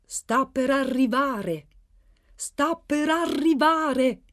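Lady putting on a jittery childlike grown man, high and pleading, voice shooting way up. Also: animated, normal speed, dark tone, dry recording, clean studio sound. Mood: excited.

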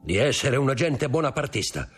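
A man voicing an earnest, kindly male shipowner in a raised pitch, as in an audiobook. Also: big pitch swings, a little fast, soft background music, natural voice. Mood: grave. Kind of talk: audiobook character voice.

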